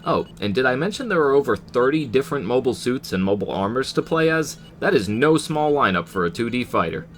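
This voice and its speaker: A man's voice: medium pitch, expressive, fast, hardly any pauses. An American man narrating a scripted retro game review as the reviewer, with wry, casual asides.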